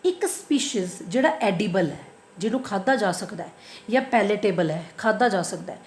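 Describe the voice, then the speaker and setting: A woman's voice: mid-range voice, animated, brisk, roomy sound, slight background noise. A woman with a Punjabi accent teaching biology in an online lecture. She asks her own questions, answers them, and repeats the key terms.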